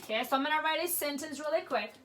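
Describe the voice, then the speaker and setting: A woman's voice: high-pitched, a bit bright, slight background noise. A woman teacher giving a grammar lesson, speaking patiently and checking in with "okay?" while writing at a board. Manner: slow, patient, repeats "okay?" often. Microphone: writing at a board while talking.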